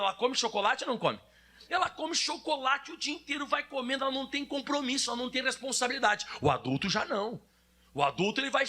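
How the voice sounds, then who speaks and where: A man's voice: high voice, pushed and bright. A man preaching a sermon as pastor, addressing the congregation directly and acting out little examples.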